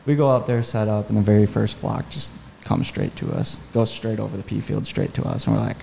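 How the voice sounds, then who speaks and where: Gravelly low-voiced man telling a story. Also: brisk, a little hiss or hum. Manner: enthusiastic, animated retelling. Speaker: podcast guest, hunting guide. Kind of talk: casual storytelling.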